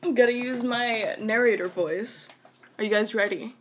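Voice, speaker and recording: A woman's voice: on the high side, normal speed, a little hiss or hum. A woman hosting a casual chat, bubbly and giggly, who also reads a scary story aloud. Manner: bubbly and giggly, bursts into excited squeals. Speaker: channel host.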